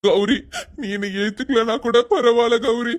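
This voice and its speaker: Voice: medium pitch, fairly even intonation, moderate pace, natural voice. A performer voicing a devoted young husband who tearfully begs his wife to accept him. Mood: resigned. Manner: begging, tearful.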